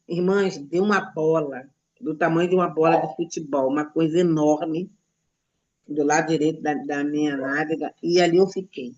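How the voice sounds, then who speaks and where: A woman's voice: on the low side, dull audio. A woman from Brazil, a deaconess, telling a personal testimony to a church congregation, retelling conversations in an emotional storytelling way. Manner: emotional storytelling, quotes others' dialogue.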